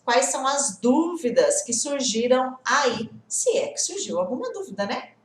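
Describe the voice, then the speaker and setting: A woman teaching an English lesson on a live stream, lively, often checking in with the viewers and greeting them by name. She is a native Portuguese speaker. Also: high voice, unhurried, reverberant.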